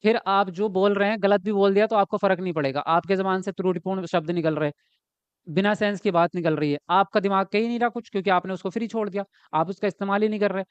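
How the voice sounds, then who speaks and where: A man's voice: high-pitched, steady tone, fast talker, clean tone, dry recording, dull audio. A man teaching an online exam-prep class, explaining step by step, asking questions and answering them himself, and reading out viewer comments. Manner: reads viewer comments aloud and talks to them. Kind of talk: live online class lecture.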